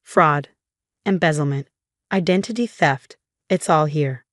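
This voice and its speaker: A woman voicing a calm young man who lays out facts in a matter-of-fact way. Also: low-pitched, measured pace, dry recording, studio quality.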